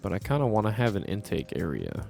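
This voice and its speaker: A man's voice: lowish voice, huge pitch swings, quick pace, gravelly. A man giving casual commentary while building in a game, thinking aloud and rambling, bothered by hiccups. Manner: rambling, thinks aloud, repeats things to himself. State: hiccuping and burping. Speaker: Minecraft builder narrating his build. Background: soft background music.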